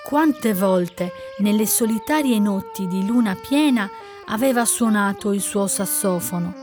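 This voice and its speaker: A woman reading a fairy tale aloud as storyteller, slow and expressive. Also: mid-range voice, over music.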